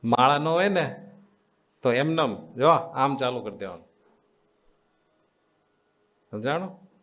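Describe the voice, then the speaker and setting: A man's voice: mid-range voice, expressive, slow pace, a bit bright. Gujarati-accented swami coaxing his assembly. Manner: engages audience with call-and-response questions; repetitive, coaxing teaching tone. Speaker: swami giving a religious discourse. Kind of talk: devotional sermon to a live assembly.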